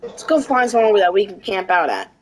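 Fast and very animated, this medium-pitched woman plays an outlaw parent in a western game, chatting casually in character with lots of fillers. The recording quality is low.

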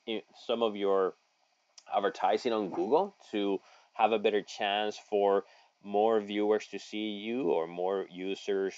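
A middle-aged local online marketing consultant with a low, darkish, smooth voice leads a screen-share lesson from a home office, reading an article aloud. He speaks haltingly, full of "uh" fillers, restarts and folksy asides. His desk mic gives dry, slightly dull audio with no room sound.

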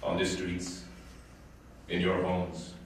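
An actor playing a menacing man who lectures Americans about ghosts, slow and ominous. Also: deep voice, monotone, a little hiss or hum. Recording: echoey distant room.

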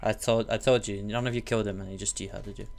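A man playing an online game with friends, giggling and excitable, talking into a headset. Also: lowish voice, fast, vocal fry, slight background noise. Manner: giggly, excitable, frequent laughter. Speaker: gamer. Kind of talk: casual gaming chat.

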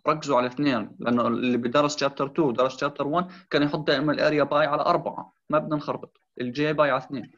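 Fast-talking man tutoring engineering. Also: a little high, a bit bright. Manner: repeats key points, mixes English terms into Arabic. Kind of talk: explaining torsion on a drawing. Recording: slightly dull lo-fi sound.

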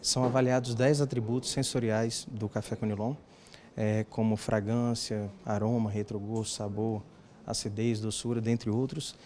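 A man's voice: on the low side, flat delivery, moderate pace, a little mellow. A man in his thirties, an agronomist, explaining in an indoor interview into a handheld mic, with many fillers. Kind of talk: interview answer. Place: indoor tasting room. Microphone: handheld reporter mic.

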